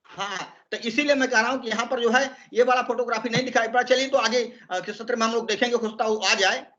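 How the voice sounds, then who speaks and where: Man lecturing slowly over a video call. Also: extremely high pitch, steady tone, bright, forceful tone. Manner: slow, deliberate explanation with frequent pauses. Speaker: Hindi language trainer. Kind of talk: online training lecture. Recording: muffled online call audio.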